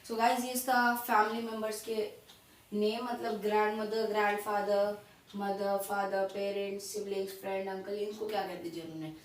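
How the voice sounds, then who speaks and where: A woman teaching a language in a casual tutorial, spelling words out letter by letter, repeating them and checking in with quick questions. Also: mid-range voice, little pitch movement. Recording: very echoey room, distant mic, faint noise.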